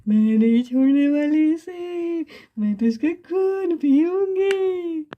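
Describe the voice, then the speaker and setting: A woman's voice: sits high, expressive, narrow, tinny audio. A woman voicing a bloodthirsty female witch who drags out her threats between cackles in a doll story. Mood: gloating. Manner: slow drawn-out threats with cackles.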